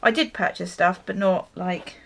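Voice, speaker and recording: A woman vlogger chats casually with viewers while getting ready, telling a rambling story, interrupting herself and chuckling along the way. Her voice is on the low side, creaky and fairly bright, with fairly even intonation at a normal speed.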